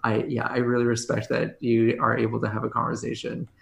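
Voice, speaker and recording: Male guest, gravelly and sharp-toned, hedging, rambling talker, roomy echo. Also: medium pitch, monotone, fairly quick. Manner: rambling, hedging, full of restarts. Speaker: podcast guest, game master. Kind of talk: casual conversation.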